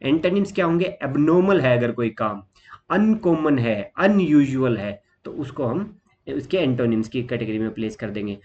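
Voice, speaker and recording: A man with an Indian accent teaching exam vocabulary in a steady explanatory lesson, listing words and pausing on fillers. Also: mid-range voice, dull audio.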